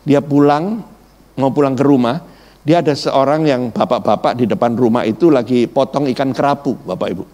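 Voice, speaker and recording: A middle-aged pastor preaches a sermon built around his personal testimony, telling the story animatedly, acting out quoted voices, and repeatedly addressing the congregation as "Bapak Ibu." His voice is mid-range and he speaks fairly quickly.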